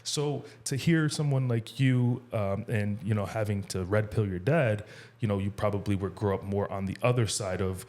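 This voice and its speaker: A man's voice: on the low side, moderate pace, a little mellow. A man hosting a podcast interview, asking long rambling questions with many fillers and restarts. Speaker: podcast host. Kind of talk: casual interview conversation.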